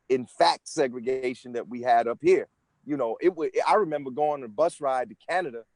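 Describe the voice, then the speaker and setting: A man's voice: medium pitch, no echo. Sixties man explaining earnestly, dry sound. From United States. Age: 60s. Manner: earnest, explanatory, with frequent restarts. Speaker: interview guest, senate candidate. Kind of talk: conversational interview answers.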